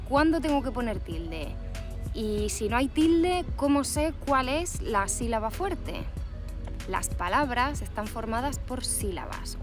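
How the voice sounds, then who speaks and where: A young woman teaching an online language lesson, stressing syllables clearly and emphatically. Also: fairly high pitch. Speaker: Spanish teacher. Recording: loud background music.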